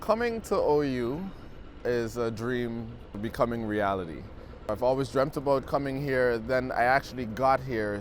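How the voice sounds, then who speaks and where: With a slight hiss or hum in the audio, a young Guyanese man studying film gives a documentary interview in a mid-range voice. He comes across as thoughtful and sincere, speaking casually and leaning heavily on "like."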